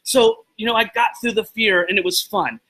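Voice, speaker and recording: A man hosting a live video show, telling a story to his viewers in a rambling, excitable way and stopping to greet people by name. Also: high voice, moderate pace, slightly rough, poor audio. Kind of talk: casual motivational talk to live viewers.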